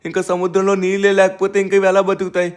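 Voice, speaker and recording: A young man hosting a gaming channel, narrating a game story with excited exclamations. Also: high voice, fast talker. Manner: excitable, exclaiming, reacting aloud.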